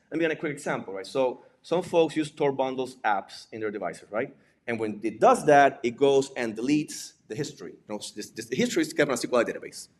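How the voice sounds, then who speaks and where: Slight background noise accompanies a medium-pitched male presenter from Puerto Rico whose native language is Spanish. As a digital forensics examiner and instructor, he gives a casual lecture, frequently asking rhetorical questions and tagging his points with "right?".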